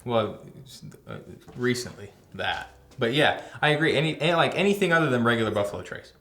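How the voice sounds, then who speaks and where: A man co-hosting a casual review chat, sometimes halting as he searches for the right word. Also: medium pitch, lively intonation, pushed and bright, faint music behind. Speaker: co-host of a bourbon review show. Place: home basement bar. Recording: roomy, echoey basement sound.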